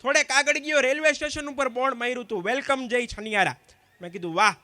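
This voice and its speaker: A man telling stand-up jokes to a community gathering, swapping quickly between the sides of each dialogue. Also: very high-pitched, bright, forceful tone, no room sound. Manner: quick anecdotal storytelling, acting out both sides of each exchange. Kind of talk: live stand-up joke telling.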